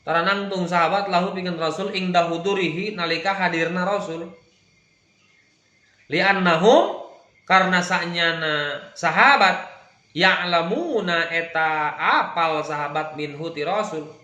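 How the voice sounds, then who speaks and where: A man with a Sundanese accent gives a religious study lecture with a bright, slightly high voice. He reads Arabic phrases and glosses each one in turn. The sound carries a clear room echo. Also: measured pace. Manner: translates Arabic text phrase by phrase, mixing Indonesian and Sundanese. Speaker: religious teacher.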